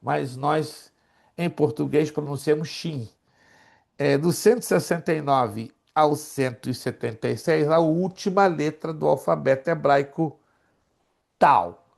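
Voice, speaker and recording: A man's voice: on the high side, a little slow, gravelly. A man in his sixties, a pastor teaching a theology class, jovial and teasing, often asking his students questions. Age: 60s. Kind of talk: classroom lecture.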